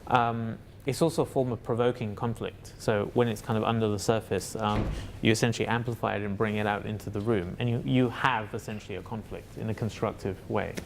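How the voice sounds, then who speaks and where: A man's voice: on the low side, steady tone, brisk, creaky, hardly any pauses, slight background noise. A man talking as an interview guest about his work as a facilitator, in a reflective and hesitant way with many fillers and restarts. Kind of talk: reflective conversational answer.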